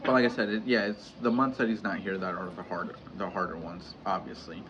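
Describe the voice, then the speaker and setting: Man, thirties, low voice, halting and hesitant, candid vlog talk, muffled lo-fi audio, noisy background. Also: little pitch movement, a bit bright. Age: 30s. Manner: hesitant, halting, many restarts and fillers. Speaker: vlogger. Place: home in Mexico. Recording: dull lo-fi audio with clear background noise.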